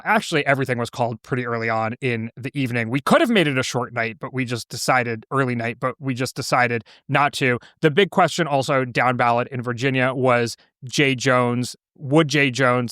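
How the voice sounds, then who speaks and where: A man's voice: mid-range voice, a bit bright, smooth, dry recording, studio quality. An American man in his thirties hosting a podcast with casual, conversational political commentary. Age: 30s. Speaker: podcast host.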